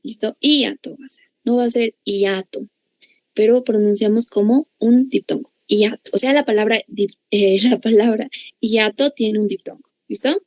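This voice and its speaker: A woman's voice: medium pitch, fairly even intonation, moderate pace, darkish tone, no room sound, poor audio. A woman with a Bolivian accent teaching a grammar class, explaining patiently and often checking in with her students. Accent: Bolivian Spanish. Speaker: language teacher.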